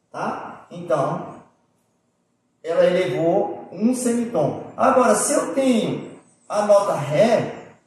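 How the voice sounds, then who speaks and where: A man's voice: sits high, a little mellow, slight background noise. A man giving a recorded music theory lesson, explaining patiently and checking often that his students are following. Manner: patient, repetitive explaining with frequent "pessoal" and "tá?". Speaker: music teacher. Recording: very echoey room.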